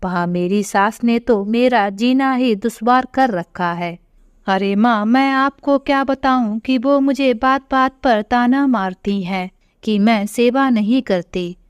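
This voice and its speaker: A woman's voice: fairly high pitch, takes it slowly, clean tone, dry recording, clean studio sound. A woman reading as a spoiled complaining daughter. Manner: whiny, resentful. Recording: dull lo-fi recording.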